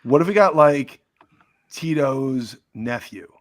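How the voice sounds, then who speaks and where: Profane, animated man co-hosting a podcast. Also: mid-range voice, takes it slowly, dry recording. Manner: animated storyteller, swears freely. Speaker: podcast co-host. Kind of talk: casual sports chat.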